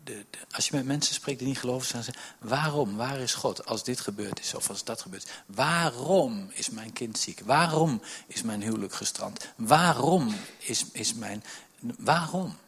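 A middle-aged man preaching a sermon in a church. He speaks emphatically, piles up repeated questions and drops to a hush to stress a point. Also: medium pitch, expressive, moderate pace, slight background noise. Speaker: pastor. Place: church service with listeners present.

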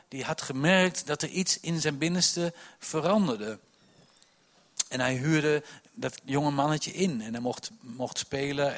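A man preaching a sermon, telling Bible stories with many restarts, dropping to soft asides and rising to loud emphasis. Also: medium pitch.

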